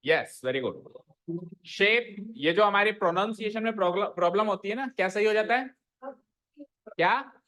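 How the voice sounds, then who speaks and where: A man's voice: sits high, animated, normal speed, long pauses, bright, forceful tone. A male math teacher speaks to his class in a room full of students. He explains step by step, firing questions and making pupils repeat answers. His speech slips English technical terms into everyday phrasing. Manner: quizzes students, makes them repeat answers. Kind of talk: classroom lesson.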